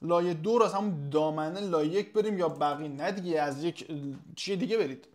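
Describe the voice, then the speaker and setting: A man's voice: on the high side, darkish tone. A man hosting a live webinar as an SEO consultant, reading out viewers' questions, thanking them by name and answering off the cuff with frequent hesitations.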